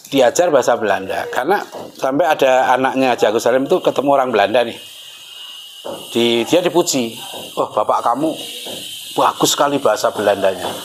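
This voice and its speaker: Animated man telling stories. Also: medium pitch. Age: middle-aged. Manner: animated, laughing, acts out quoted voices. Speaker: speaker. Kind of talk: casual storytelling talk.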